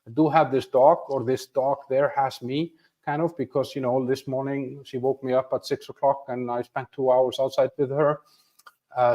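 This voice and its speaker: Mellow and medium in pitch, this man's voice belongs to an Icelandic channel host in his fifties. He livestreams from a home room with a flag behind him, talking casually and chattily to viewers, self-deprecating and frequently restarting.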